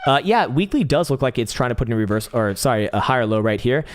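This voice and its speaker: Slight background noise accompanies a young man's animated, mid-range voice as he hosts a live crypto chart stream. He speaks rapidly and profanely, laughs frequently, restarts words, and is beginning to lose his voice.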